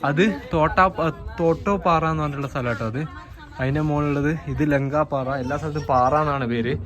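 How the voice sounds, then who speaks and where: A man's voice: fairly high pitch, fairly even intonation, fast talker, crowd noise. Chatty man vlogging outdoors. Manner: chatty, guiding viewers, often tags sentences with "you know". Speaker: travel vlogger. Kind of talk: casual travel narration. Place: outdoors on a tea estate, hills and a village market.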